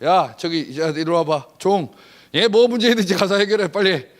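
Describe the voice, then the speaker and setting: A man's voice: high-pitched, animated, normal speed, pitched above the performer's own voice. A man voicing a brusque, rich husband who gives curt, impatient orders. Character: rich, blunt husband who has everything.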